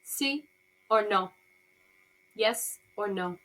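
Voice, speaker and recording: A woman's voice: mid-range voice, very slow, pushed and bright. A woman teaching a beginner language class, asking students simple yes-or-no questions and translating each phrase for them. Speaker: Spanish teacher. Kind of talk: bilingual language lesson, slow and repetitive.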